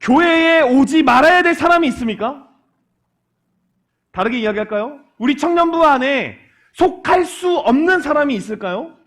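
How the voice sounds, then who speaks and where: A man preaching a sermon to young adults as their pastor, lively, asking the congregation questions, acting out quoted lines and dropping joking asides. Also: very high voice, normal speed.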